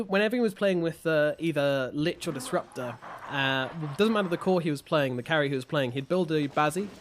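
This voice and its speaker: Male esports caster, play-by-play, jokey, voice a bit high, faint game music under. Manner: excitable, jokey, bursts of loud excitement. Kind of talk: play-by-play commentary.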